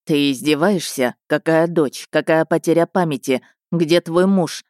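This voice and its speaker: A woman's voice: sits low, a little slow, darkish tone, no echo, clean studio sound. A woman narrating an audiobook voices an arrogant, mocking young nobleman. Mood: scornful. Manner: mocking, contemptuous.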